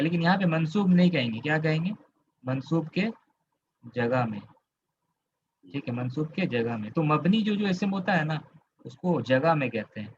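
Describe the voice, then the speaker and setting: Male teacher from Kolkata, mid-pitched, patient step-by-step explainer who keeps quizzing students; muffled call audio. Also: slight background noise. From Kolkata, India. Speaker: Arabic grammar teacher. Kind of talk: online class lecture.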